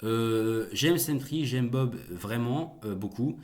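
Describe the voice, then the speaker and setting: A man's voice: mid-range voice, slow pace, a little mellow. A young man hosting a casual solo video, chatty and jokey with viewers, rambling with many fillers and restarts. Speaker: YouTube host reacting to film news.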